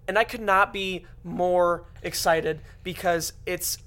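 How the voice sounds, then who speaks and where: A woman's voice: fairly low pitch, fairly even intonation, slow pace, fairly bright tone. A woman co-hosting a podcast in casual chat, blunt and joking, swearing freely. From Southern California. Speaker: podcast co-host.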